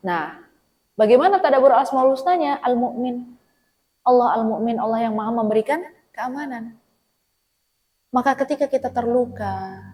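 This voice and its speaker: A woman, a therapist, giving a conversational religious talk to a women's study group. She is lively, laughs often and asks the audience rhetorical questions. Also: on the high side, rough recording. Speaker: speaker at a women's Islamic study session and therapist.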